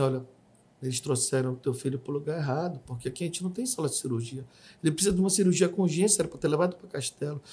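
Husky-voiced man telling a testimony. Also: a little high. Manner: vivid storytelling, acts out shouts and quotes. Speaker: podcast guest giving testimony. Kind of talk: emotional personal testimony.

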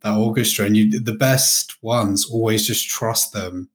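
A man's voice: lowish voice, steady tone, a little slow. A male interview host who asks questions thoughtfully and builds long comparisons.

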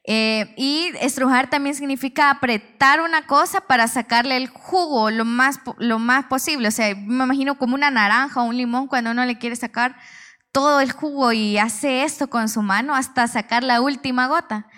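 A woman's voice: high voice, moderate pace, sharp tone. A woman, preaching a sermon and telling a personal testimony in an earnest way, with frequent restarts.

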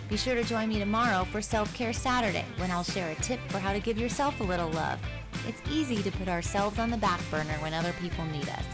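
A woman's voice: mid-range voice, fast talker, over music. A woman hosting her own podcast, reading a scripted, upbeat and encouraging introduction. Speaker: podcast host and founder.

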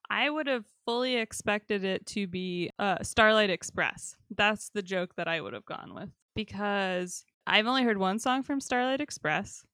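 A woman's voice: medium pitch, animated, a little slow, hardly any pauses, a bit bright, no room sound, studio quality. A woman co-hosting a podcast, chatting casually with joking, self-deprecating asides. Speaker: podcast co-host. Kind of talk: casual chat.

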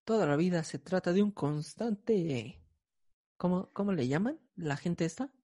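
A podcast co-host with a Mexican accent, chatting casually, laughing often and filling pauses with hesitant sounds. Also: medium pitch, lively intonation, warm tone. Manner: giggly, lots of hesitant fillers. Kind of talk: casual chat.

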